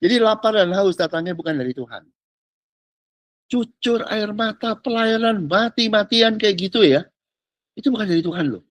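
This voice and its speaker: A male pastor preaches in a loose, slangy way, firing off rhetorical questions and dropping in English phrases. His voice sits high for a man. The sound is dry and close, with no room echo. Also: animated, normal speed. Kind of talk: sermon.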